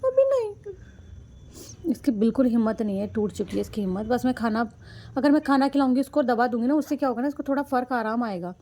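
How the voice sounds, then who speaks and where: A woman's voice: on the high side, fast, dark tone. A woman, a mother, casually narrating a family vlog and talking straight to viewers while she cooks. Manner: chatty, talks straight to viewers while cooking.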